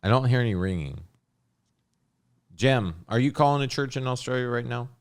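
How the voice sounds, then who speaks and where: A man's voice: mid-range voice, lively intonation, normal speed, clean tone. A man hosting a podcast in casual chat, joking and mock-exasperated. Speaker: podcast host.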